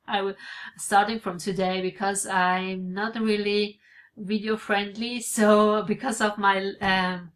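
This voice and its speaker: A woman in her forties, born in Italy and raised in Switzerland, speaks English with an Italian accent in a casual vlog to her desk webcam. Her mid-range voice is flat and slow, and she sounds hesitant, with lots of fillers and restarts. She's recording indoors in a home office lined with bookshelves.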